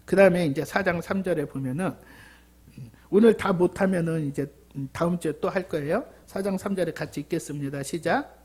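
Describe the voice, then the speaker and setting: A woman's voice: on the low side, fairly quick, a little mellow, husky. A woman pastor preaching a sermon in a church, repeating key words and asking the congregation rhetorical questions.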